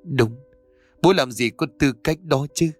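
A man's voice: medium pitch, measured pace, faint music behind, close to an everyday voice. A man voicing a remorseful aging father who speaks humbly, pleading and apologetic.

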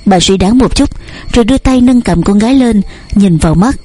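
A woman narrating a story in a steady, measured way. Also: mid-range voice. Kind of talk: audiobook narration. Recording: faint music underneath.

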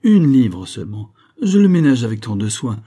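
A man's voice: mid-range voice, big pitch swings, normal speed, warm tone, breathy edge. A man voicing an old miserly merchant who whines and pleads in a plaintive tone. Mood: pleading.

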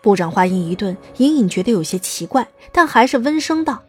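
A woman's voice: a little high, expressive, a little fast, darkish tone, slightly rough, soft background music. A woman reading scripted narration as the narrator of a dramatised audiobook.

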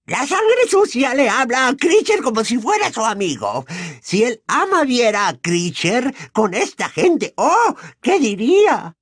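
A man's voice: very high-pitched, huge pitch swings, measured pace, fairly bright tone, breathy edge, no echo, studio quality, voice pushed up, exaggerated voice. A man voicing a bitter, servile old male house-elf who mutters spitefully under his breath in an audiobook. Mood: muttering, spiteful. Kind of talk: audiobook character voice.

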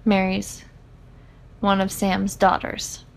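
A woman's voice: medium pitch, monotone, slow pace, vocal fry. Chatty woman co-hosting a book podcast. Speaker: podcast co-host. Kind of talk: casual chat about a book.

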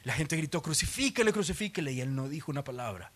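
A man's voice: mid-range voice, quick pace. A male pastor preaching a sermon in a church auditorium, telling stories vividly and acting out the quotes. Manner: vivid storytelling, acts out quotes.

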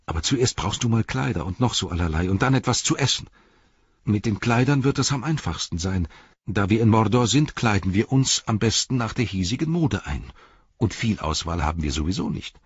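A man's voice: lowish voice, animated, a little fast, husky, no room sound, heavily acted. A man reading an audiobook, voicing a loyal, plain-spoken male hobbit servant who talks earnestly and reassuringly, in a dull, dry recording. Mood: determined.

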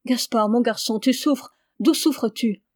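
A woman's voice: fairly high pitch, measured pace, darkish tone. Woman reading a worried caring farm mother. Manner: anxious, reproachful.

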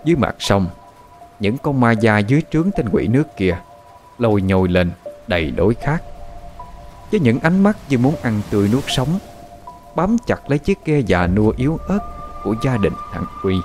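A man narrating a horror story in a dramatic, expressive style. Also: medium pitch, normal speed. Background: faint background music.

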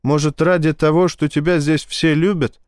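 A man's voice: on the high side, steady tone, darkish tone, no echo, studio quality, pitched above the performer's own voice, lightly acted. A man voicing a spirited, brash young woman pilot in an audiobook. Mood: reassuring. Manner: brisk, feisty.

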